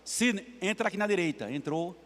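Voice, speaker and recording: A man's voice: high-pitched, normal speed. A man, a pastor preaching a sermon and telling a story, acting out the dialogue. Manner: animated, acts out dialogue in his stories. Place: church sanctuary. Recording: long church-hall reverb.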